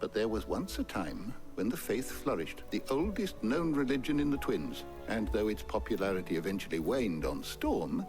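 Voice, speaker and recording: An actor playing an elderly, learned and wordy scholar in a fantasy video game, with formal phrasing. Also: male voice, lowish voice, very animated, moderate pace, few pauses. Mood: scholarly, eager. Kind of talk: dramatic video game acting. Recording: game music playing behind the voice.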